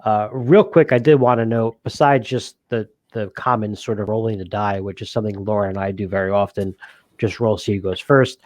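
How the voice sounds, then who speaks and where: With a fairly low, darkish voice and fairly even intonation, a man talks a little fast, with no room sound. He's co-hosting a casual board game podcast, rambling along with lots of fillers and frequent laughter.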